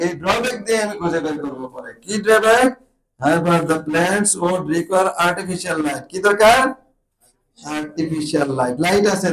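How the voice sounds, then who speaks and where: A man from Bangladesh leads an IELTS reading lesson in a high voice. He walks the class through the text and keeps checking that they follow with short repeated questions. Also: a bit bright, poor audio. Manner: drills students with repeated questions. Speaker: IELTS teacher.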